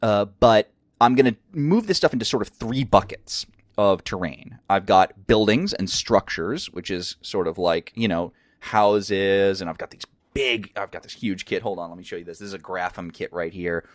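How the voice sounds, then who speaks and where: A man with a low, scratchy voice hosts a casual crafting tutorial from his craft room at home. He talks with rambling enthusiasm and lots of fillers. The sound is close and dry. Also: moderate pace, no room sound. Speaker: crafting channel host.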